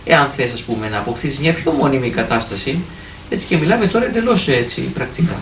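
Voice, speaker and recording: A man, an Orthodox priest, answering questions from listeners in a conversational, gently teasing way, often repeating the words of a prayer. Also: mid-range voice, animated. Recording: echoey room, far from mic, faint noise.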